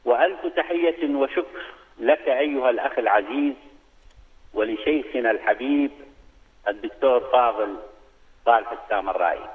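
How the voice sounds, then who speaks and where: A man's voice: medium pitch, moderate pace, pauses often. A man on a phone call, giving a formal greeting and then reciting a poem in a declamatory manner. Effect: heard over a phone line. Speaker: phone-in guest poet. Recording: tinny phone line.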